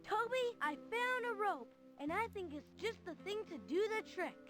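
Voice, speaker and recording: Putt-Putt, a very high childlike car. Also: female voice, expressive, moderate pace, fairly bright tone, faint music behind. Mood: eager. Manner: earnest, polite, childlike. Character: cheerful, polite little child car. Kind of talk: children's adventure game voice acting.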